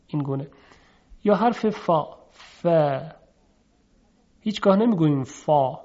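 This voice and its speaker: A man teaching a lesson on Quranic recitation, explaining step by step, asking and answering his own questions, and chanting example sounds slowly. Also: fairly high pitch, dark tone. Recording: dull lo-fi recording.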